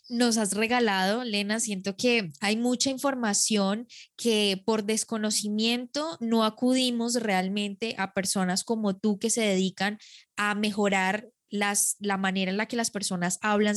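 Lady hosting an interview, mid pitch, goes on and on excitedly with her questions. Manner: enthusiastic, long winding questions. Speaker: interview host. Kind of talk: conversational interview.

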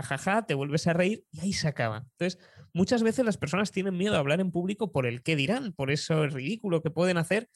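Young man from Spain, Spanish accent, lively anecdotal storyteller, dry recording. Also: fairly high pitch, no room sound. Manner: lively storyteller, chuckles often. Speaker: public speaking coach.

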